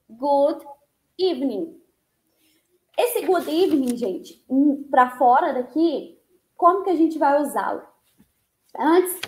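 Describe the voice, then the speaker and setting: A woman from Brazil teaching a live online English lesson, explaining slowly, repeating words and checking in with her listeners. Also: high voice, a little mellow, echoey room.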